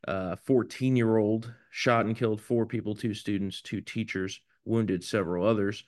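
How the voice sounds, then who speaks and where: Man, talk show host, low-ish voice, blunt, rough low-quality remote stream audio. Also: steady tone, moderate pace, a little mellow, dry recording, studio quality. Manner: blunt and opinionated, sometimes swearing. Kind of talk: casual political talk show.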